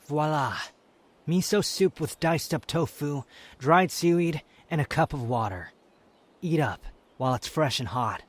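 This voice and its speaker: A man's voice: on the high side, expressive, a little slow. A man playing a proud, prickly young wanderer who hides his affection, curt and scornful, in a scripted ASMR roleplay spoken to the listener. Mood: bossy, instructive. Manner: haughty, curt, scornful, defensive.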